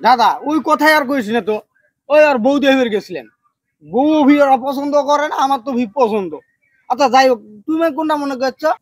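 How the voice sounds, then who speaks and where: A man's voice: very high-pitched, fairly quick, no room sound, studio quality. Scolding rustic man. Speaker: comedy skit lead. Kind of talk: comedy skit acting.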